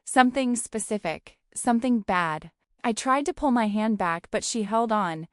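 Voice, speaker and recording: A woman's voice: fairly high pitch, expressive, moderate pace, no room sound, studio quality. Woman telling a story in casual slang. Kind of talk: first-person story narration.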